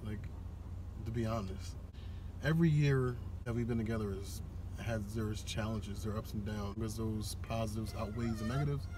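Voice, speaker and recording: A man in his thirties, co-hosting a family vlog from a car, relaxed and agreeable. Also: fairly low pitch, normal speed, noisy background. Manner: easygoing, agrees a lot. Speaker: vlog co-host. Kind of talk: casual chat. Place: inside a parked car. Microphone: phone camera on the dashboard.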